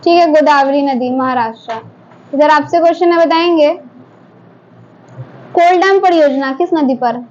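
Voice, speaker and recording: High-voiced woman teacher running a quiz. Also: a little mellow. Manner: brisk, keeps prompting students to answer. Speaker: teacher quizzing a class. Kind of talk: classroom quiz drill. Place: classroom. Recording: dull lo-fi classroom recording, faint noise.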